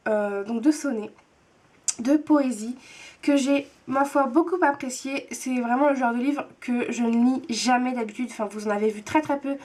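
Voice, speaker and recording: Young woman, high voice, chatty book vlogger, lots of fillers and restarts. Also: a little mellow. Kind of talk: casual book haul chat.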